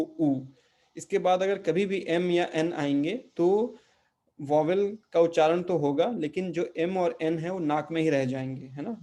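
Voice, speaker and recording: A middle-aged man teaches a pronunciation lesson with a patient, repetitive manner. His voice sits a little high yet sounds warm and mellow. He often pauses to check that the class is following. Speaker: Portuguese teacher. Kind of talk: online language lesson in Hindi.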